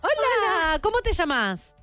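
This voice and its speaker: A woman hosting a radio show, upbeat and firing quick questions at callers. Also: very high voice, wildly swooping pitch, sharp tone, dry recording, soft background music. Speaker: radio host. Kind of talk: casual radio chat.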